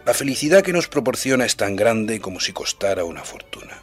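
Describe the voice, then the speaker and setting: An old miser, as an actor plays him, speaking earnestly in a low voice that drops to a hush. It is a radio story with faint music behind. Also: male voice, very animated, brisk. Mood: nostalgic. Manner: earnest, at times hushed. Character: old male miser, moved by memories. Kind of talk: radio drama reading.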